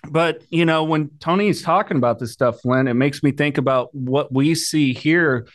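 A male podcast co-host speaking earnestly and haltingly, with many fillers. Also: on the high side, no room sound, clean studio sound. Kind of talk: conversational podcast interview.

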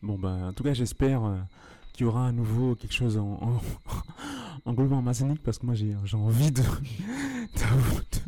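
A man hosting a casual interview, asking questions in a relaxed way and answering with frequent short acknowledgements. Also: mid-range voice, normal speed. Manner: relaxed, gives frequent short backchannel "yeah"s. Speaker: interviewer, podcast host.

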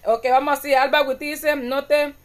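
A woman's voice: high-pitched, little pitch movement, normal speed. A woman hosting a casual live-stream chat, reading viewer comments aloud and calling her audience "mi gente", with laughter at her own slips.

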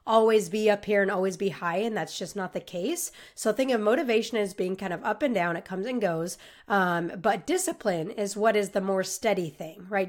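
Congested woman hosting a podcast. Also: medium pitch. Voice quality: nasal and stuffy. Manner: upbeat, encouraging, with fillers and pauses. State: sick and congested. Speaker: podcast host and coach. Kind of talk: motivational podcast talk.

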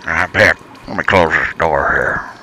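A man's voice: very deep voice, unhurried, pushed and bright, a little hiss or hum, poor audio. A man improvising a comedy sketch in a teasing, playful way. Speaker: comedy podcast co-host.

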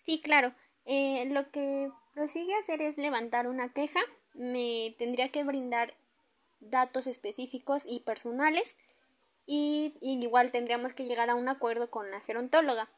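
Woman playing courteous complaints officer, Mexican accent, high register, formal customer service delivery. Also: fairly even intonation, normal speed, natural voice. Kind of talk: amateur acted role-play.

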